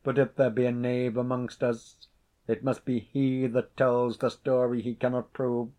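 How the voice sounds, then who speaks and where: A man voicing a stern, suspicious laird who speaks in a cold, measured, menacing way. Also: mid-range voice, level tone, dark tone, close to an everyday voice.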